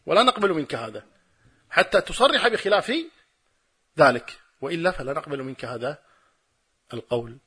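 A middle-aged man delivers a religious lecture and answers listeners' questions. His voice is high and a little husky, and he talks very fast. He argues emphatically, driving his points home through forceful repetition.

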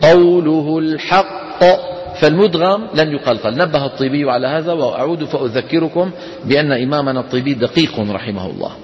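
A man's voice: fairly high pitch, expressive, fast talker, a little mellow, muffled recording. A man teaching a class. He explains step by step, poses questions and answers them himself. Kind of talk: classroom lesson. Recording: long hall reverb.

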